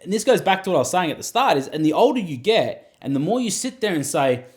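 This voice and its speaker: A man's voice: high voice, fast talker. Rambling man giving acting advice. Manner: rambling, animated, fillers like "you know what I mean". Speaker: acting coach and podcast host. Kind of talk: casual advice chat.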